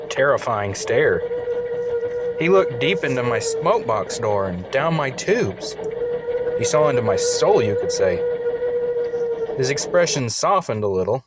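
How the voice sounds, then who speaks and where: A man narrates an audio story in the first person, earnest and reflective. His voice sits in an ordinary middle register. The telling is scripted and steady. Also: mid-range voice, unhurried, loud music behind the voice.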